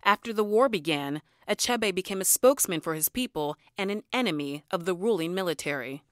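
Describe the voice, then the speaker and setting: A woman's voice: fairly low pitch, expressive, brisk, dry recording, studio quality. A woman reading scripted narration for a television profile. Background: music.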